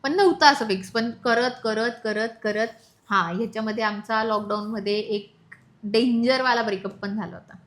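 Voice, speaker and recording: Young woman vlogger from Maharashtra, casual and animated, fairly high voice, teasing and laughing with her husband. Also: moderate pace. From Maharashtra, India. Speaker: vlogger telling her love story. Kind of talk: casual chat.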